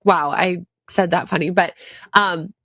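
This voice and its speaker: A woman's voice: on the low side, fairly even intonation, unhurried, pushed and bright, no room sound, studio quality. A woman hosting a casual solo podcast with a congested, stuffed-up voice, talking with enthusiasm and repeating words for emphasis. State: congested from a sinus infection. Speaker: podcast host.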